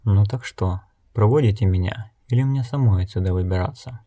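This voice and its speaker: Calm blind woman who collects souls, slow even talk, a guy reading it in a low voice. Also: lightly acted. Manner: calm, measured, unhurried.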